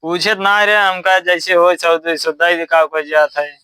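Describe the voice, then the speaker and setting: A man's voice: high-pitched, fairly even intonation, unhurried, sharp tone, clean tone, no room sound. A man playing an insistent village lender chasing his money in a comedy sketch, with an Awadhi accent. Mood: questioning. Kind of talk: rural comedy sketch acting.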